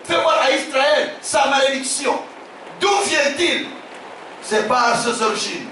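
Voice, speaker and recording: A man from Africa, a bishop preaching a sermon, emphatic, repeating his phrases and shouting key lines. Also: very high-pitched, slow, a little hiss or hum. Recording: very echoey hall, distant from the mic.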